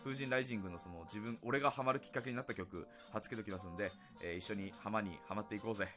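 A young man hosting a casual solo talk show, gushing excitedly about games and music with many fillers. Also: lowish voice, very fast. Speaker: podcast host. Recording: faint music behind.

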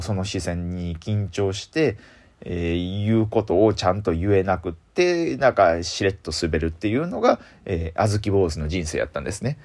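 Kansai-accented male comic, solo chat show, low voice with a swooping, animated delivery. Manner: chatty, self-mocking, rising pitch when excited. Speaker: comedian and show host. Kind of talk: solo comedic radio talk.

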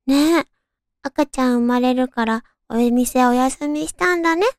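A woman's voice: sits high, measured pace, no echo, studio quality. A woman hosting a casual solo radio show, with a naturally cute, girlish anime-like voice and a chatty way of talking. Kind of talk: casual solo radio talk with read-out listener stories.

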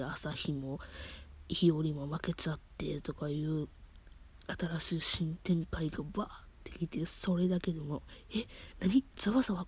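Woman, Kansai accent, whispery and breathy, mellow low voice, tearful, rambling fan talk. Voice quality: soft, whispery. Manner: rambling, emotional fan chatter. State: tearful after crying. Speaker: podcast host. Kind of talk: casual late-night monologue.

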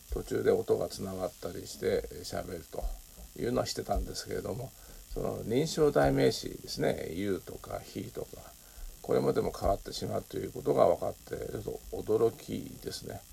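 An older man from Japan talks casually through his own show, his low voice heavily gravelly with fry. The tone is dark and husky, and he leans on fillers and soft tag particles as he goes. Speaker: podcast host. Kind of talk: casual solo talk.

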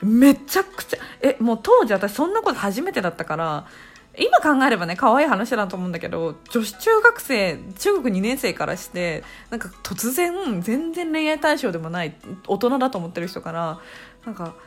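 A woman around thirty, a podcast host telling a story at home in a casual, animated way and laughing often. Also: fairly high pitch, normal speed, faint music behind.

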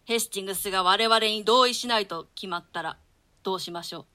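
This woman speaks fast in a bright, forceful, natural mid-range voice as she plays a commanding, scheming nobleman, an adult male conspirator. The piece is a theatrical Shakespeare reading rendered in archaic Japanese translation.

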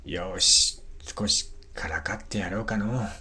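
A man's voice: low-pitched, a little slow, pushed and bright, exaggerated voice. A man putting on a fearless old hunter. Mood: sly. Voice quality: old-man dialect speech.

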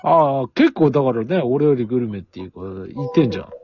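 A man's voice: mid-range voice, animated, quick pace, dull audio, a little hiss or hum. A man hosting a casual podcast chat, teasing and playfully questioning his guest. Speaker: podcast host.

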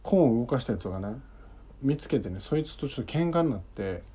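A man's voice: medium pitch, lively intonation, quick pace, warm tone, husky. A man in his thirties with a Kansai accent, hosting his own podcast and telling a story from his school days in a rambling, chatty way. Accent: Kansai Japanese. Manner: rambling, chatty, repeats himself while recalling. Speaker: podcast host. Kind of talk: casual solo podcast storytelling.

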